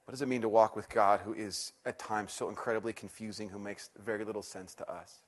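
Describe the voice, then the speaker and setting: In this sermon, a middle-aged teaching pastor speaks fairly quickly with a voice on the low side. Addressing the church congregation, he's conversational and self-deprecating, his delivery rising to loud excitement and dropping to hushed intensity.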